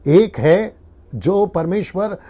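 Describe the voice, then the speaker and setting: A man's voice: sits high, expressive, slow, mellow. A man preaching a live-streamed sermon as pastor, teaching earnestly and repeating key lines.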